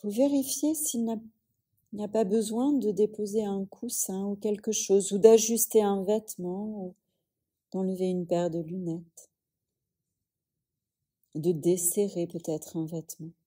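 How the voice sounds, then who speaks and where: A woman yoga teacher guides a relaxation session, soothing and unhurried, with long pauses between phrases. Her mid-range voice is steady and warm, slightly rough at the edges.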